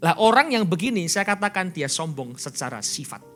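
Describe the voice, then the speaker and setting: A man preaching a sermon as pastor in a church. He swings between loud and quiet and fires rhetorical questions at the congregation. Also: sits high, very animated, a little fast, soft background music.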